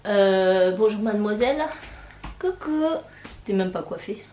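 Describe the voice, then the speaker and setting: A woman in her thirties chatting casually in a vlog, hoarse from tonsillitis with her voice mostly gone, hesitant and rambling. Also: medium pitch, lively intonation, unhurried, lo-fi sound, slight background noise. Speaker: vlogger. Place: indoors, bedroom. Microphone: camera on a tripod. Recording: echoey room.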